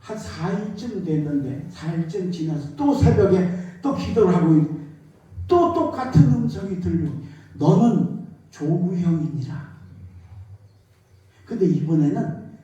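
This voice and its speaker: An older male pastor telling a personal story in a sermon, emotional and swinging between loud and hushed delivery. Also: high voice, sing-song, normal speed, lo-fi sound. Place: church sanctuary. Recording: echoey church hall from far off.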